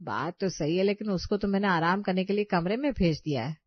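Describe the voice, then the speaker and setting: A woman voicing a kind older mother-in-law who scolds fondly and calls out loudly in a cartoon. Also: lowish voice, fairly quick, dry recording, muffled recording, close to an everyday voice. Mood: fussing caring.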